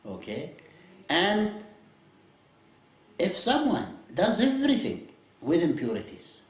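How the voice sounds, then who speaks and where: A man's voice: sits high, slow. Man teaching a lesson in an echoey room. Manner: explains in English with Arabic phrases, asks "you see?", "okay?"; lively, chuckles at his own examples. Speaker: Islamic studies teacher. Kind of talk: classroom lecture.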